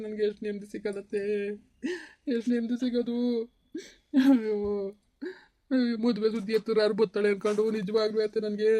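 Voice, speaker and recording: A man's voice: high voice, dark tone, dry recording. A man playing a grieving widower in a village skit, lamenting and self-pitying. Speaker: widowed son-in-law. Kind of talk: village comedy skit acting.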